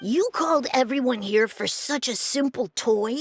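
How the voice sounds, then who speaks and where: An actress voicing a grumbly, competitive, cocky young kid in a video game. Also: female voice, fairly high pitch, expressive, moderate pace, soft background music, natural voice. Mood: grumbling. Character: grumbling, competitive young kid who loves card games. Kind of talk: video game character dialogue.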